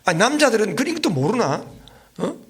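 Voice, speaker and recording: A man with a notably high voice delivers an evening worship sermon as a visiting pastor. He tells the story in a lively, vivid way and keeps asking the congregation rhetorical questions. Short thinking fillers break up his phrases. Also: brisk, slightly rough. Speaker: guest pastor.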